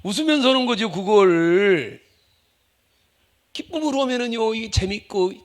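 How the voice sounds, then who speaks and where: A male pastor preaching a humorous, animated sermon, acting out the voices he quotes. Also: high-pitched, measured pace.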